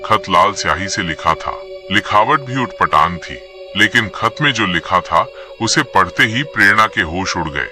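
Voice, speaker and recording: A man's voice: low voice, expressive, normal speed. A man narrating a scripted horror story in a dramatic, suspenseful manner. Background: faint music.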